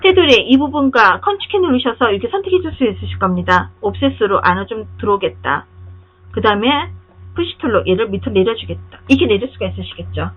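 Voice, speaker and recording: A woman with a slightly raised pitch and a husky, breathy edge walks through software steps one by one. Her pitch moves a lot as she poses rhetorical questions to check that the viewer is keeping up. The recording is dull and lo-fi, like an older screen capture. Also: lively intonation, fast talker. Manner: step-by-step, directive instructing. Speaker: software instructor. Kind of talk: screen-recorded tutorial narration.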